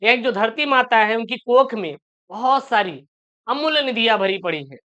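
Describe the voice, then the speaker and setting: A man teaching an exam-prep lesson, reassuring his students and repeating key answers slowly, often asking and answering his own questions. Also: very high-pitched, animated, pushed and bright, clean tone. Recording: dull lo-fi sound.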